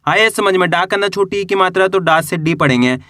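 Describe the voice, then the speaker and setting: Male teacher, higher register, dry close recording; patient, repetitive, asks and answers his own questions. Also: brisk, pushed and bright, dry recording. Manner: patient and repetitive, asks questions then answers them, stretches example syllables. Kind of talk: Hindi reading lesson for beginners.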